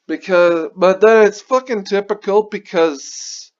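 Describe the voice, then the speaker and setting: A man's voice: high-pitched, a little slow. A man giving an angry, sweary movie review, repeating himself as he rants. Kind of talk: ranting video review. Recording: dull lo-fi recording.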